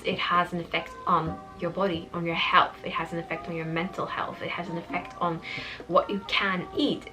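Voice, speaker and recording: Low-voiced young woman vlogging, hesitant. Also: poor audio. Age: 20s. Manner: rambling, frequent ums and restarts. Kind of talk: casual vlog monologue. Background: background music.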